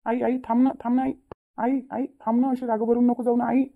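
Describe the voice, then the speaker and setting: Man putting on a high pleading young son. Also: flat delivery, a little fast, gravelly, narrow, tinny audio. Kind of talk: cartoon voice acting.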